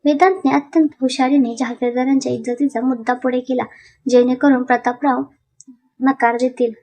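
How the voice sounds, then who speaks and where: High-voiced woman narrating a story. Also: steady tone, brisk, darkish tone.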